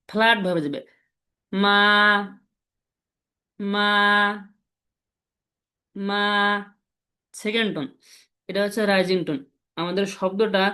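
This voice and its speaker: A man teaching a language lesson, patiently explaining and repeating example syllables slowly. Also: sits high.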